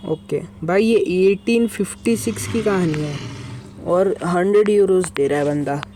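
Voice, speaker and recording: A man hosting a gaming channel, giving chatty, excitable commentary as he plays and keeps calling out to the viewers as guys and bro. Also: sits high, normal speed, slight background noise. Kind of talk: casual let's-play commentary. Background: game music.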